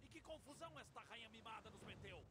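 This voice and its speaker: A man voicing a brash, blustering Greek ship captain in a video game, loud, hearty and commanding. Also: high voice, lively intonation, fast talker. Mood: grumbling, blustering. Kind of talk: video game voice acting, Portuguese dub. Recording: loud ship and sea ambience behind. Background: ship and sea ambience.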